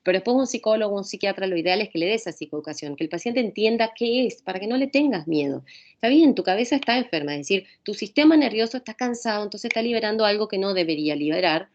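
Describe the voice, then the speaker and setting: A woman's voice: medium pitch, fast, highs cut off. Rioplatense woman giving a chatty lecture. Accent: Rioplatense Spanish. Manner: conversational, repeats calming phrases, asks rhetorical questions. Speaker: pharmacology lecturer. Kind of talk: informal medical lecture.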